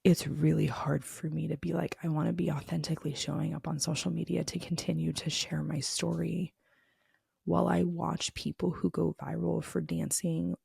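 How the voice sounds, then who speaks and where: A woman's voice: low-pitched, level tone, moderate pace, gravelly, darkish tone, husky, no room sound. A woman hosting her own podcast, talking candidly and earnestly, frustrated and emotional, in a conversational way full of "like" fillers. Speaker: podcast host. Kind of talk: candid solo podcast monologue.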